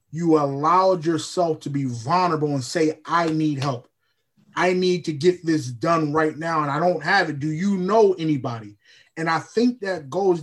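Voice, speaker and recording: Husky man as supportive host. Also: on the high side. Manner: supportive, probing questions, frequent affirmations. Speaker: podcast host. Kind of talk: interviewing.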